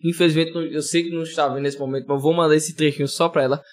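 A man hosting a casual live podcast, loud and playful, calling out greetings to viewers. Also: a little high, fairly even intonation, rapid-fire. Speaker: podcast host.

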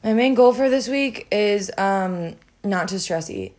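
A teenage girl co-hosting a casual chat in a relaxed, agreeable way. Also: mid-range voice, a little slow. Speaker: co-host.

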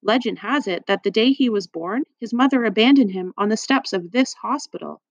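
A woman voicing a kindly, fretful dinner lady with a high, gushing manner. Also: a little fast, dry recording, close to an everyday voice. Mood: distressed. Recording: dry, slightly muffled.

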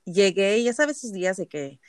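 As a podcast co-host, a Mexican woman swaps lively stories in casual conversation, packing her speech with slang and curses. She talks briskly in a sing-song, medium-pitched voice, with a noisy background behind her.

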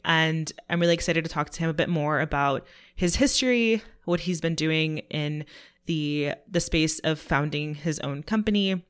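Upbeat podcast host with a smooth voice. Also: male voice, a little high, fairly bright tone. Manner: friendly, upbeat introductions. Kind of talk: casual interview hosting.

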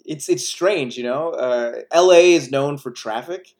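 A man in his thirties, from the United States, talking about his career as a filmmaker in a relaxed, joking way over a video call. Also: medium pitch, unhurried. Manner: relaxed, self-deprecating humor. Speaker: filmmaker guest. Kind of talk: casual video-call interview.

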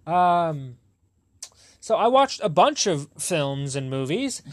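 A man's voice: fairly high pitch, big pitch swings, slow. Rambling young man, podcast host. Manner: rambling, self-correcting, laughs often. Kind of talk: casual chat.

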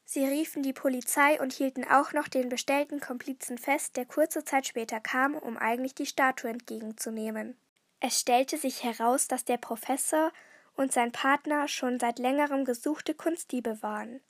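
A woman reading a children's detective story aloud in a lively, expressive way. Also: high-pitched, moderate pace, no room sound, clean studio sound.

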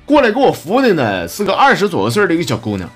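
A man's voice: sits high, rapid-fire, slightly rough, faint music behind. A young man with a Northeastern Mandarin accent, hosting a comedy show and telling funny stories and listener messages in a chatty, joking way. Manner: joking, chatty, animated storytelling with dialect slang. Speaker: radio comedy host reading listener messages. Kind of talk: comic storytelling.

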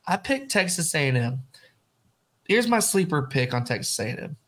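A man co-hosting a casual sports podcast, animated and emphatic, often repeating himself. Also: fairly high pitch, normal speed. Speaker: podcast co-host.

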